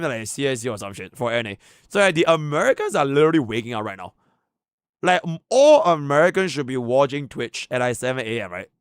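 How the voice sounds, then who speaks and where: A Singaporean man live-streams casual chat with his viewers, excitable and slangy, swinging from hyped outbursts to low mumbles. The recording is dry and studio quality.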